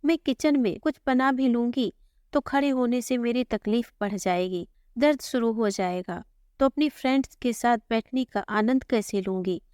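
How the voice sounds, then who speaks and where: Woman telling a story, fairly high voice. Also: normal speed, darkish tone, clear, resonant tone, dry recording, studio quality. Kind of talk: first-person story narration.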